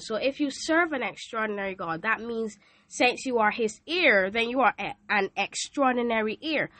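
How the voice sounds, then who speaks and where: A teenage girl hosts a casual devotional podcast, her Barbadian-accented voice nasal from a cold, fairly high-pitched and a bit bright, with no echo. She's chatty and playful, asking listeners questions, and she's recording in a hot room with a fan.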